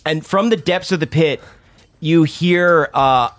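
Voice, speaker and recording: A man's voice: a little high, takes it slowly. A man narrating a tabletop game as the game master.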